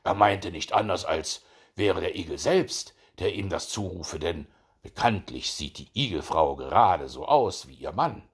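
A man reading a fairy tale aloud as narrator, measured and expressive. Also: deep voice, husky.

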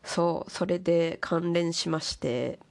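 Her lowish, slightly mellow voice carries vocal fry, and she speaks at a slow pace. The woman hosts a casual monologue for listeners, jokingly slipping into ornate, polite, refined-lady speech.

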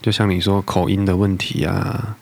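Casting: very low-voiced Taiwanese-accented man, easygoing podcast partner in casual conversation, answering briefly. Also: level tone, normal speed, vocal fry, darkish tone. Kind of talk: casual chat.

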